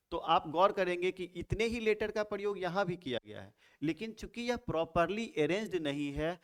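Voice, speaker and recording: A man with a slightly raised pitch explains grammar to students in a lecture. He poses a question, answers it himself, and says each key term slowly and more than once. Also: fairly bright tone. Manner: repeats key terms slowly, asks and answers own questions. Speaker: English grammar teacher. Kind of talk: Hindi-English explanatory lecture.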